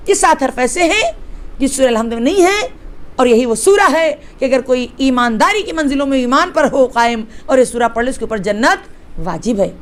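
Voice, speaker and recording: A woman religious scholar from Hyderabad telling a sacred story in a sermon, impassioned, dropping to a hush and then rising to exclamations, asking her listeners questions directly. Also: high-pitched, lively intonation. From Hyderabad, India. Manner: impassioned, swings between hushed and rising exclamations.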